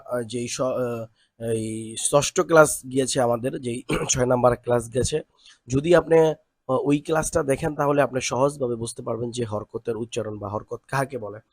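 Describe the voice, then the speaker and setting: A man with a Bangladeshi Bengali accent teaches an online lesson in Quran reading at a medium pitch. He drills each syllable patiently, saying it slowly and then again. His voice sits close and dry on the mic, with no room around it. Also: dry recording. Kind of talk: spelling-out recitation lesson.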